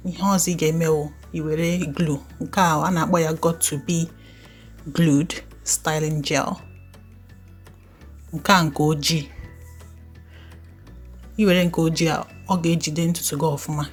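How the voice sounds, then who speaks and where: A woman's voice: sits low, fairly even intonation, normal speed, pauses often, soft background music. A woman with an Igbo Nigerian accent giving a casual, conversational voiceover for a step-by-step tutorial. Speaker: hair tutorial host.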